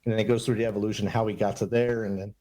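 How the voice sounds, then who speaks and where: A man's voice: lowish voice, flat delivery, racing, mellow. A middle-aged man, a podcast guest, speaking in an earnest, upbeat and motivational way in a casual interview. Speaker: podcast guest, Army veteran and mentor.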